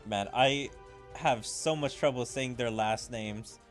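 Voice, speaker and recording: A gaming video host offers casual let's-play commentary, musing informally, filling asides with fillers, and reading game dialogue aloud. He speaks slowly at a medium pitch over soft background music.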